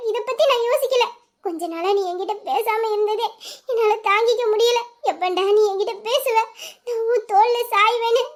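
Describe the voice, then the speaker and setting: A woman voicing a young, devoted wife in a romantic audio drama, speaking in a tearful, pleading and tender way. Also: very high voice.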